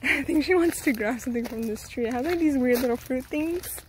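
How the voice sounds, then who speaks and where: This young mom vlogs from her garden, talking a little fast into the camera mic while slightly winded and flustered as she offers tips. Her somewhat high voice turns into a high sing-song whenever she coaxes her toddler, and her chatty manner carries over a soft outdoor hiss.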